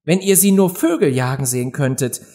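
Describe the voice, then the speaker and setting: A man voicing a curious, polite little girl in an audiobook, high and eager. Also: huge pitch swings, normal speed, darkish tone. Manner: high, eager and wide-eyed. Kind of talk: audiobook character voice.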